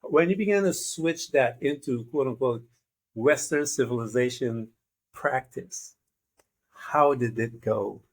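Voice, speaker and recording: Hosting a relaxed interview conversation, a man from Guyana wanders thoughtfully through his points and leans on many fillers. His medium-pitched voice is unhurried, with a breathy edge.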